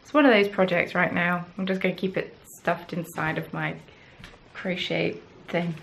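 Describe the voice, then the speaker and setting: A young woman with a Southern English accent, from the south of England, hosts a casual crafting podcast, rambling and self-deprecating as she chats. Her voice is on the low side and gravelly, steady in tone at normal speed, with a little hiss or hum on the recording.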